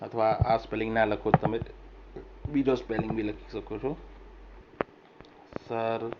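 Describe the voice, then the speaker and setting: Captured on a dull lo-fi voice recorder with a faint hiss, this classroom English vocabulary lesson features a male teacher with a fairly low, steady voice. He reads example sentences slowly and louder, explains each, and checks comprehension with brief questions.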